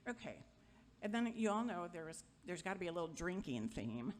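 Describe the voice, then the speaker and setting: A middle-aged woman giving an informal memorial eulogy, chatty and wry, joking with the crowd and sometimes halting. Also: fairly low pitch, slight background noise. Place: gathering hall at a memorial.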